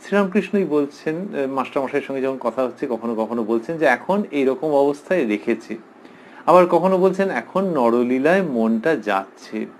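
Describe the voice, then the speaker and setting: A man with a Bengali accent giving a slow, explanatory spiritual discourse, reading passages aloud and commenting on them. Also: medium pitch, expressive, slight background noise, rough recording. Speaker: lecturer on scripture.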